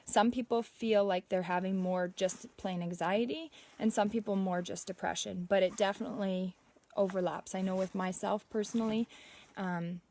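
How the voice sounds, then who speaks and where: A woman's voice: medium pitch, steady tone, normal speed, mellow. A young adult woman talking casually and reassuringly, as a host sharing her experience on a livestream. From Canada. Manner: reassuring, conversational. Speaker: livestream host and mother speaking from personal experience. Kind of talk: casual informal livestream talk.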